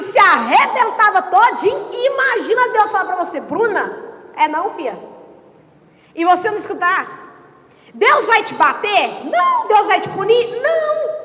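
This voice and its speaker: A woman pastor preaching a lively, chatty sermon and teasing the congregation. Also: extremely high pitch. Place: church. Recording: reverberant church hall.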